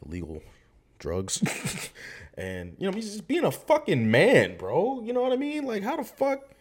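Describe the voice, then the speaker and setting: A man's voice: high-pitched, huge pitch swings, unhurried, breathy edge. A young man hosting a casual podcast, laughing often and swearing a lot as he talks. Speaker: podcast host.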